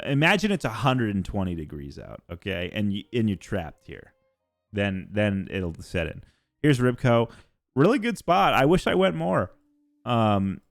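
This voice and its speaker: A man's voice: lowish voice, no room sound. A young adult man streaming, chatting casually and rambling with lots of fillers and casual swearing. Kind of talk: casual chat.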